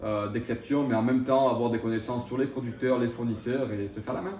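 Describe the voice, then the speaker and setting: Here a thirtysomething French chef is interviewed, and he hesitates a lot, restarting and using fillers. His voice is mid-range and somewhat dark in tone, and he speaks a little fast. The recording is roomy, with the microphone set back.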